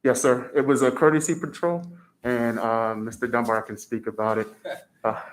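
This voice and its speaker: A man in uniform speaks at a public hearing with a mid-pitched voice. He answers in a plain, respectful way and leans on fillers as he thinks. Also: fairly even intonation, normal speed. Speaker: public testifier, soldier. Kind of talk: public testimony.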